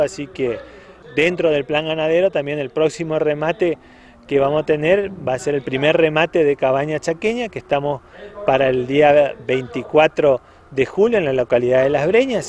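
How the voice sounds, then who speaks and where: An Argentine man in his forties speaks as a government official in an on-camera news interview. His voice sits a little higher than average. He explains things in a semi-formal way, outdoors into a reporter's handheld microphone. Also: a little mellow. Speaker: provincial livestock official being interviewed. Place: outdoors in a grassy parking area at a cattle auction ground. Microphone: handheld reporter's microphone at chest height.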